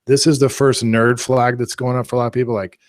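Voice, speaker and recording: A man presenting a live online marketing class, talking in an energetic, conversational way with analogies. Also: mid-range voice, fast, dry recording, studio quality. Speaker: webinar presenter.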